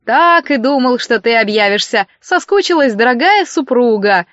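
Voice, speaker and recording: A woman's voice: fairly high pitch, lively intonation, fairly quick, dry recording, highs cut off, close to an everyday voice. A woman reading an audiobook, voicing a smug, mocking young husband with a mannered drawl. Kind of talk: audiobook character voice.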